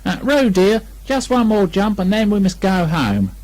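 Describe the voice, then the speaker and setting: A man voicing a motherly, polite female kangaroo who fusses gently in a children's storybook. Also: high voice, very animated, measured pace, voice pushed up. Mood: fussy, motherly. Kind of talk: children's storybook character reading.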